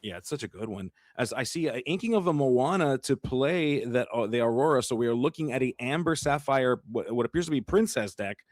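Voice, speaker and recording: Guy casting a card game live, excitable and chatty, laughs a lot, dry close mic. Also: medium pitch, fairly quick, hardly any pauses, no echo. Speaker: caster.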